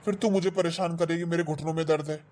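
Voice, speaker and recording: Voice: mid-range voice, fairly even intonation, fast talker, a little mellow, natural voice. A performer voicing an older father-in-law with bad knees, grumbling at his wife and son in a family comedy skit.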